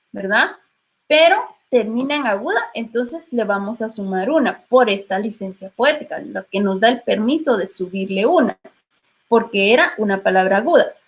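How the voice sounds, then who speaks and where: A woman with a Guatemalan Spanish accent teaching literature in an online class, patiently prompting students with questions. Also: on the high side.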